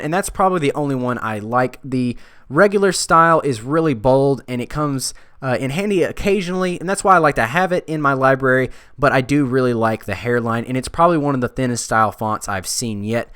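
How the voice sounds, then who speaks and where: A man's voice: medium pitch, brisk, a bit bright, smooth, dry recording, clean studio sound. A young man casually talking through his favorite design picks, thinking aloud with frequent uhs and ums. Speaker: design video creator. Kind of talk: casual screen-recorded tutorial talk.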